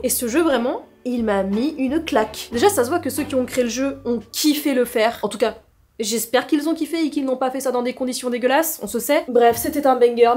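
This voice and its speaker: A woman's voice: on the high side, a little mellow. Playful sarcastic woman vlogger. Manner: sarcastic, playful, jokey asides. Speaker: YouTuber. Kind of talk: casual vlog monologue with sponsor read.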